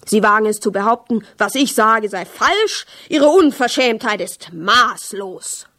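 A woman's voice: on the high side, lively intonation, measured pace, exaggerated voice. A woman voicing a furious, bellowing fat male vice-president in a radio play, speaking with contempt. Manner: shouting, contemptuous.

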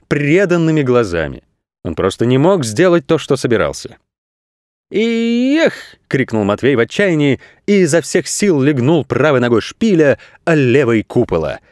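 Animated male storybook narrator. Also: medium pitch, no echo, clean studio sound. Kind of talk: children's audiobook narration.

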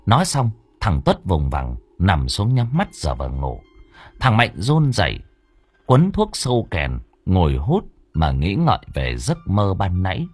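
A man narrating a spooky audiobook in a low, slightly husky voice with lively rises and falls. The sound is dry and close, with faint music underneath. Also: measured pace, dry recording. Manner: dramatic, animated storytelling. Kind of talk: scripted story narration.

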